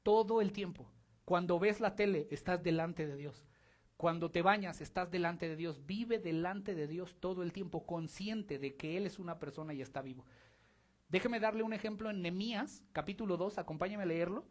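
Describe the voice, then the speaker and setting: A man with a Mexican accent preaching a sermon in church, speaking in a lively, conversational way and addressing the congregation directly. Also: sits high, normal speed. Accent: Mexican Spanish.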